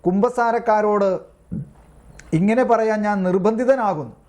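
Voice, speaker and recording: A man's voice: high voice, unhurried, a little mellow. A man leading an online prayer group as a lay preacher, reading religious texts aloud and explaining them in an informal, repetitive way, often checking whether listeners understand, heard over a video call. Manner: repetitive, keeps asking listeners if they understand.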